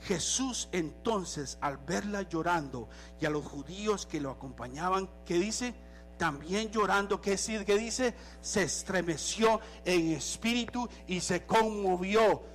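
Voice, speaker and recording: High-voiced preaching pastor, soft music behind. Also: male voice, a little slow. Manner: animated preaching, mixing in English phrases. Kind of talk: sermon.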